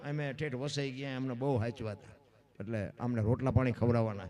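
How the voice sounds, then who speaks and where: A man's voice: mid-range voice, steady tone, fairly quick, mellow, pitched below the performer's own voice, lightly acted. A man voicing a boastful, hot-headed village husband in a folk tale. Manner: blustering, bossy.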